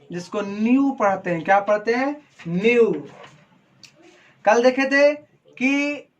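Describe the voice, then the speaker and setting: Teacher asking and answering questions. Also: medium pitch. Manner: asks the class questions, then answers them, slow and deliberate. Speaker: coaching class teacher. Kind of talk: classroom lecture, explaining physics prefixes and Greek symbols.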